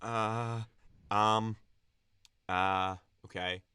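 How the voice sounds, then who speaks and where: Bright-voiced man in his twenties co-hosting. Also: on the low side, fairly even intonation, clean tone, dry recording, clean studio sound. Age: 20s. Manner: quick reactions, laughs along. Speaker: podcast co-host. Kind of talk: casual chat.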